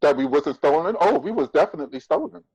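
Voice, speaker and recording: A man's voice: a little high, animated, quick pace, darkish tone, slightly rough, no echo. A man in his thirties from the United States, a podcast guest talking bluntly and emphatically, with profanity and sarcastic retorts, from a phone at home on a video call. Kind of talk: candid conversational interview. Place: indoors at home. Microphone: phone front camera on a video call. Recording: dry, slightly dull video-call audio.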